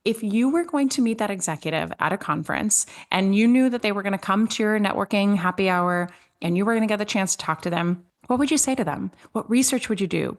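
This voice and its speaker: Middle-aged swiss-born woman hosting a sales podcast, upbeat and punchy, jumps up on key words. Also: mid-range voice. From Switzerland. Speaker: podcast host. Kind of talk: podcast host recap and listener Q&A.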